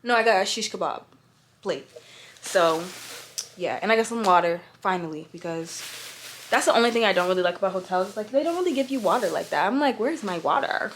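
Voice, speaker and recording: Young woman, casual vlog chat, slangy and relaxed, talks right to viewers, faint background noise. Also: mid-range voice, brisk. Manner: chatty, slangy and relaxed, addresses viewers directly. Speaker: fashion influencer. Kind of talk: casual vlog talk to camera.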